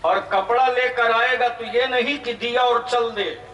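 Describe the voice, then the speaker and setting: A man's voice: very high voice, steady tone, unhurried, lo-fi sound. Preacher man roaring through echoing PA. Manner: rousing, questions the crowd, shouts at peaks. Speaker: Islamic preacher. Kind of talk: fiery sermon to an outdoor crowd. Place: outdoor public gathering. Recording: echoey distant PA sound.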